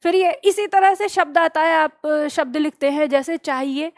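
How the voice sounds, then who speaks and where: A woman's voice: high-pitched, steady tone, normal speed, no room sound, studio quality. A woman teaching Hindi grammar in an earnest, argumentative lecture full of rhetorical questions. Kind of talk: classroom lecture at a whiteboard.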